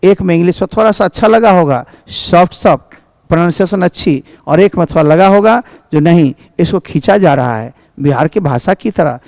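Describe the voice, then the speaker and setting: A man's voice: high-pitched, expressive, fairly quick, vocal fry, darkish tone, dry recording. A man teaching English pronunciation in a classroom lesson, speaking Indian English and switching between Hindi and English as he spells out example words.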